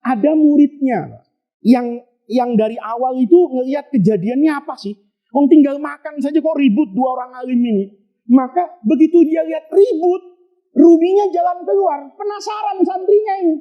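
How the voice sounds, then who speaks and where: A man's voice: very high voice, moderate pace, highs cut off. A male preacher telling a humorous story in a sermon, with jokey, slangy asides and frequent chuckles.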